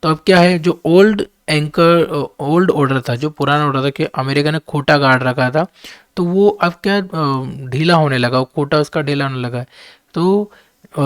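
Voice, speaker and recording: A man with an Indian accent, an English teacher who reads editorial lines slowly and then explains them in quick Hindi. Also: fairly high pitch, no room sound, clean studio sound.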